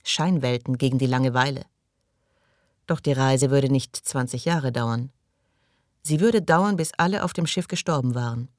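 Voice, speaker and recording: A man with a mid-range voice narrates an audiobook from a script, measured and even in his storytelling. The recording is studio quality with no room sound.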